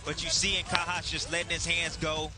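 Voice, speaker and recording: A man's voice: on the high side, little pitch movement, fairly quick, music in the background. A man giving conversational boxing analysis as an ex-fighter, repeating phrases for emphasis.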